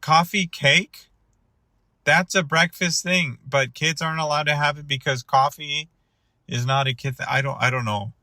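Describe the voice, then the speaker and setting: A man's voice: on the high side, fairly even intonation, moderate pace, sharp tone, no room sound. A man delivering a rambling comedic monologue, often stopping and restarting his sentences with mock exasperation. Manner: rambling, self-interrupting, exasperated. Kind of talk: rambling stand-up style monologue.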